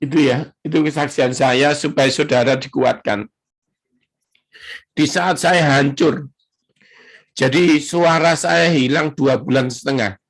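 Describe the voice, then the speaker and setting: A man, a pastor giving an emotional sermon testimony at a church prayer service, speaking slowly with long pauses. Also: a little high, gravelly, slightly rough. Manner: slow, emotional storytelling with drawn-out pauses.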